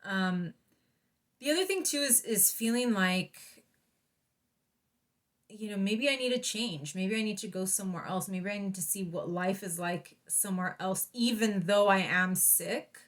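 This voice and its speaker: A woman's voice: medium pitch, a little slow. An American woman vlogger talking in a casual personal monologue, reflective and hesitant as she thinks aloud.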